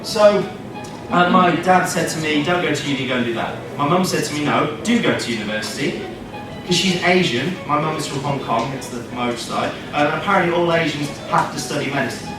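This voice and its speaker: A man, giving a lively, jokey talk to students with quick asides. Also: on the high side. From Manchester, England. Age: 30s. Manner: animated and jokey, with quick asides and acted-out quotes. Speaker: speaker for students. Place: indoor classroom with a student audience. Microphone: camera at the back of the room. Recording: echoey room from far off, music behind.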